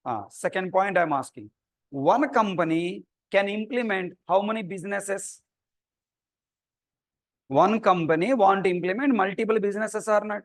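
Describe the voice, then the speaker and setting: A man's voice: sits high, normal speed, dry recording, studio quality. A man with a Telugu Indian accent, a native Telugu speaker, lecturing like a programming teacher and often prompting students with short check questions. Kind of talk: interactive classroom lecture.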